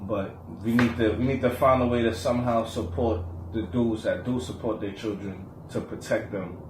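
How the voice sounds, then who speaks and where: A man's voice: mid-range voice, fairly even intonation, moderate pace, reverberant, noisy background. A man co-hosting a podcast in casual chat, earnest, restarting his sentences as he makes a point. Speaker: podcast co-host.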